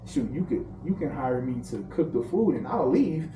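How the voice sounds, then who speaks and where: A man from St. Louis chats as a podcast guest, loose and slangy, laughing through his stories. His voice is very dark and mellow, at an ordinary pitch. He sits back from the mic in a roomy, echoing space with faint ambience. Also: sing-song, moderate pace, far from the mic. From St. Louis, Missouri. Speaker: private chef guest. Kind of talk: casual podcast chat.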